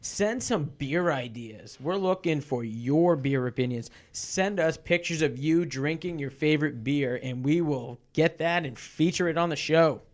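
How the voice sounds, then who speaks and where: A man's voice: on the high side, unhurried, hardly any pauses. A man co-hosting a casual podcast, laid-back and laughing often as he chats. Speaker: podcast co-host. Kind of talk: casual chat.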